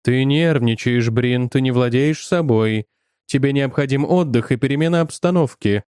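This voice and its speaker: A menacing inner voice, low and slow, nagging and mocking, as a man reads it out, close dry sound. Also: darkish tone, smooth, dry recording, lightly acted. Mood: insistent. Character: stern menacing inner voice, male, urging violence.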